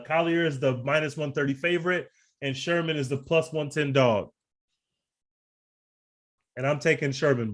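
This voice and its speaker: A man co-hosting a casual podcast, talking fight picks in a laid-back, slangy way and laughing often. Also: medium pitch. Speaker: podcast co-host. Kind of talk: casual sports betting chat.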